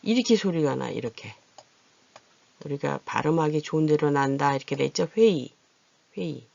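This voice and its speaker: A patient adult literacy teacher who slowly drills vowel pronunciation and repeats each word for learners to follow. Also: medium pitch, expressive, creaky, darkish tone, no echo, dull audio. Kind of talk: Korean vowel lesson.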